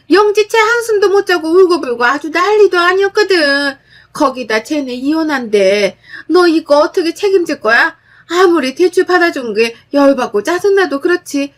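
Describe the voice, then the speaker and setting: A bossy older mother-in-law, put on by a woman narrator, scolds in a high, piercing voice. She accuses and demands at full volume. Heard in a spoken drama story. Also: animated, normal speed. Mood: scolding. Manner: berating, loud, accusing.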